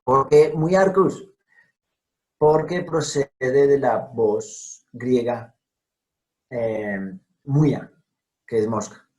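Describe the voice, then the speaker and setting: Man lecturing over a video call, unhurried, careful, repeats each sound, mid-pitched voice. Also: a little mellow, rough recording. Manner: deliberate, spelling out each sound. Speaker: lecturer on scientific name pronunciation. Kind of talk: explanatory talk over slides.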